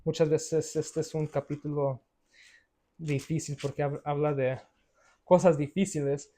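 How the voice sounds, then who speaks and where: Slow, halting male Bible teacher. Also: fairly high pitch, steady tone, warm tone. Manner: halting, frequent restarts and checking questions. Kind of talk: Bible study lesson.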